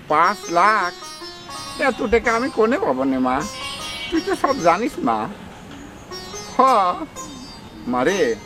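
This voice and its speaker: A man's voice: high-pitched, fairly bright tone, exaggerated voice. An actor playing a tender old father on the phone. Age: older. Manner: tender, pleading, repeats soothing words. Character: worried elderly village father on phone to his daughter.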